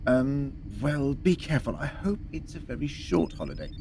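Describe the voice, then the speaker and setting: A man playing a protective, earnest time-travelling Doctor in a sci-fi audio drama, with a measured, slightly hesitant manner. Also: medium pitch, sing-song, a crowd in the background. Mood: tender, worried.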